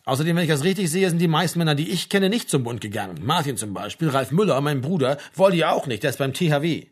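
Guy doing chill young dude, dry and low-key, bit husky. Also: very animated, quick pace. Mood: dry, wry. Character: laconic, reserved young man.

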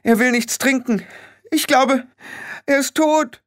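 Ein Mann spricht eine kleine, besorgte Clanchefin mit schriller, schimpfender Stimme. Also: male voice, steady tone, fairly quick, darkish tone, lightly acted. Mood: alarmed. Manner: shrill, worried and scolding. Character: anxious, fussy little fairy-clan matriarch woman.

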